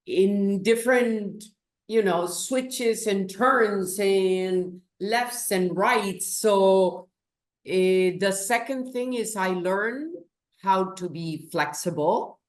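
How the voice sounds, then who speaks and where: Slow-speaking Peruvian-born woman, echoey room. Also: mid-range voice. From Peru. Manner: slow, thoughtful, emphatic. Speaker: guest, business executive. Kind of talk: interview.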